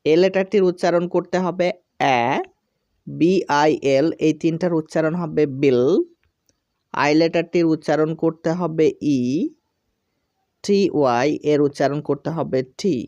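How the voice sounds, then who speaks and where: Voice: mid-range voice, steady tone, moderate pace, darkish tone, no echo, lo-fi sound. An English reading teacher giving a step-by-step lesson, spelling out each letter group, sounding every syllable and repeating each whole word twice.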